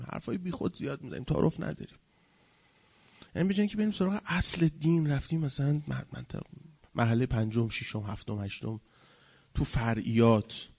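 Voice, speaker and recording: Male religious lecturer, slightly high voice, animated and sarcastic, swings from loud to hushed. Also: vocal fry. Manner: animated, mocking impressions, swings between loud and quiet.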